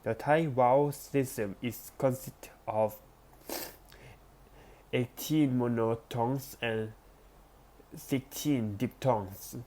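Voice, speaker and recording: A man reading an academic text aloud as a lesson, careful and deliberate, with small restarts. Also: mid-range voice, darkish tone. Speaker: presenter.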